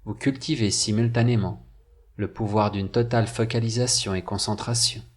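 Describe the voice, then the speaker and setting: In a fairly low voice with fairly even intonation, a man narrates a scripted guided meditation. His phrasing is measured and deliberate, with pauses throughout.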